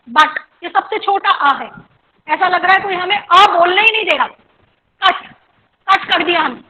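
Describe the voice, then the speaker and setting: A woman's voice: very high-pitched, pushed and bright, rough recording. An Indian woman teacher giving a lecture on English pronunciation, drilling example words and checking that students follow.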